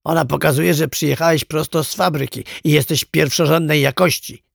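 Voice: mid-range voice, steady tone, fairly quick, gravelly, no room sound, studio quality, pitched above the performer's own voice. A storyteller voicing a proud, bossy orangutan toy who questions a newcomer, in a children's storybook reading. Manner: blunt and bossy.

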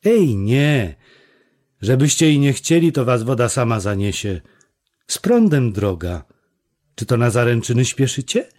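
A man voicing a proud, sharp-tongued young village woman who mocks and scolds in a raised voice. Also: mid-range voice, sing-song, measured pace. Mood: mocking. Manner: mocking, scolding.

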